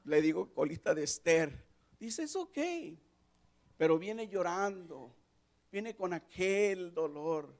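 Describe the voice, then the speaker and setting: A man delivers a sermon in a church with a high-pitched voice and slow, deliberate pacing. He drives his points home by repeating phrases and moves between quiet, soft-spoken asides and loud, impassioned climaxes. He also leads the closing prayer. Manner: emphatic, swings between soft asides and loud passionate peaks; repeats key phrases for emphasis. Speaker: pastor. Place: church sanctuary.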